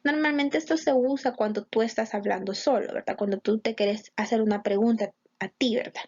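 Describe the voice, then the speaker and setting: A woman's voice: fairly high pitch, fairly even intonation, brisk, a little mellow, breathy edge, muffled recording. A woman teaching English grammar in a patient, explanatory online lesson, mixing English terms into her Spanish.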